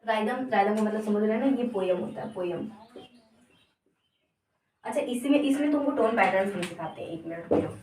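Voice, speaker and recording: A woman's voice: mid-range voice, darkish tone, a little hiss or hum. Lady teacher going over a lesson, keeps asking if u got it, echoey room, a bit far from mic. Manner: explains slowly, repeating words and checking understanding with "theek hai". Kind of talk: exam-prep lesson in mixed Hindi and English.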